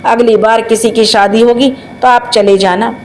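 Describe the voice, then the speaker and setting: A woman's voice: a little high, fairly even intonation, moderate pace, slight background noise, natural voice, rough recording. A woman voicing an innocent, caring young girl. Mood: concerned. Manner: innocent, urgent.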